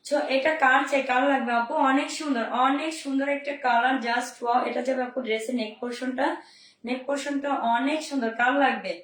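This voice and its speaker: A hoarse young woman, running a live sales stream with upbeat, repeated pitches. Her voice sits a little high and sounds roomy, picked up from a step away from the mic. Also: fairly even intonation, fairly quick, a bit bright, far from the mic. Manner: upbeat, repetitive selling calls to viewers. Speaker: online clothing seller.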